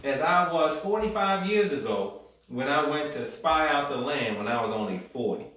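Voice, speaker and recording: With a voice on the high side, a bit bright and lively in intonation, a preacher reads scripture at a moderate pace and climbs toward fervent exhortation. The church hall echoes with amens and call-and-response, recorded from far off.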